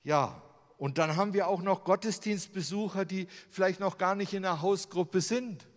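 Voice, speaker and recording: A German man preaches a sermon with slides in a fairly high voice at a moderate pace. His delivery is conversational and packed with rhetorical questions, and a long hall reverb surrounds the recording.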